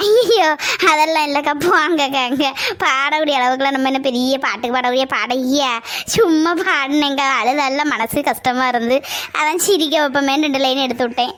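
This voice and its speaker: A woman's voice: high voice, moderate pace. A woman voicing a kind, caring neighbor who treats a young pregnant woman like family. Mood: cheerful. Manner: warm, coaxing, motherly reassurance.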